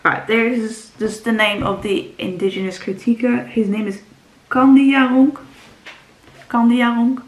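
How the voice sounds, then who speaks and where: With a slightly high voice, fairly even intonation and an unhurried delivery, this woman rambles about books to camera, often pausing on um and starting over. She's a book vlogger whose native language is Dutch. Expect a roomy echo, faint ambience and a little hiss or hum.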